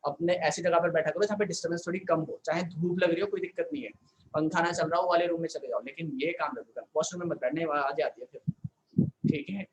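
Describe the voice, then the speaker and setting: A man teaching a live online science class, scolding and joking with his students in rapid banter and repeating a filler word. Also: a little high, fairly even intonation, reverberant, a little hiss or hum, low-quality recording. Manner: repeats filler "yaar" often.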